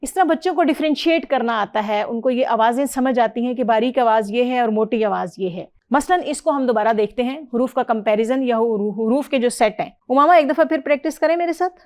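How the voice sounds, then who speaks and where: A woman's voice: fairly high pitch, few pauses, a little mellow. A middle-aged woman, teaching Quran reading and drilling letter sounds with a student. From Pakistan. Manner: patient, explanatory, models letter sounds clearly and praises.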